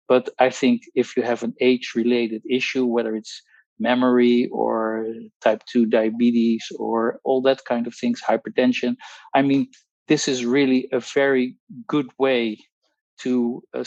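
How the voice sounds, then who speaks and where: A pharmacologist from the Netherlands in his sixties, speaking English as a second language, gives personal testimony as a guest on a group video call. He pauses and restarts often and uses technical wording. His mid-range, darkish voice comes through a dry, lo-fi recording.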